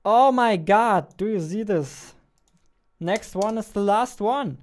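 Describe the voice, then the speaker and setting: A game developer and streamer in his twenties speaks slowly but animatedly in a high-pitched voice, chatting casually during a live coding session. He mutters and repeats words at his computer in a small room, where typing, clicking and faint music can be heard.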